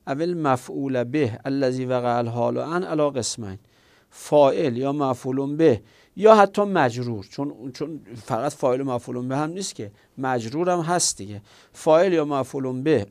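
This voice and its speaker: A man with a mid-range, darkish voice teaches a grammar class, working through the material step by step. He poses questions to himself, answers them, and speaks directly to his students.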